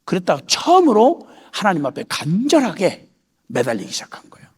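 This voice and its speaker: A man's voice: high-pitched, fairly quick, slightly rough. A middle-aged man preaching a sermon as a missionary, telling a story and acting out the voices in it. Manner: animated, acts out voices in quoted prayers.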